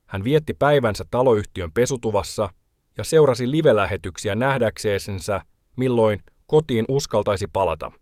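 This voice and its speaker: Male reporter, lowish register, measured feature voice-over, dry booth sound. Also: a little mellow, dry recording. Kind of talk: scripted documentary narration.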